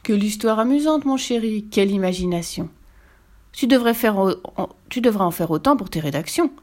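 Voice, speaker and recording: A woman voicing a gentle, affectionate mother speaking sweetly to her son in a story. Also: medium pitch, lively intonation, brisk, close to an everyday voice. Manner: sweet, indulgent.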